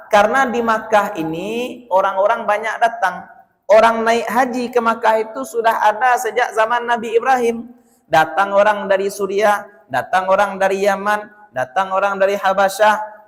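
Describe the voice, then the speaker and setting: A fairly high-voiced man with a Minangkabau accent delivers a religious lecture, quizzing his audience and dropping into local dialect for jokes. His voice carries a long hall reverb. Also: a bit bright. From West Sumatra. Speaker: religious teacher.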